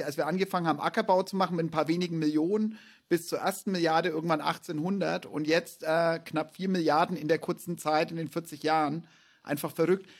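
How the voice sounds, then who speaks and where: A man in his forties hosts a podcast conversation, his voice husky and a touch high. He talks in long, winding sentences, enthusiastic and reflective. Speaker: podcast host.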